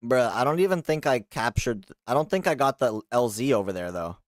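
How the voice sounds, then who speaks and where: A man streaming a shooter game live, chatting casually and rambling with slang, with sudden loud outbursts of surprise. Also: medium pitch, expressive, a little fast, dry recording.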